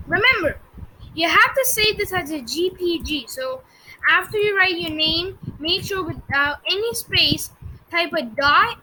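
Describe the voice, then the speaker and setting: Very high, bright, chatty young voice. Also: female voice, slight background noise, poor audio. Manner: giggly, breaks into fits of laughter; chatty, full of fillers like "like" and "uh". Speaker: tech tutorial host. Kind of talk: casual screen-recorded tutorial.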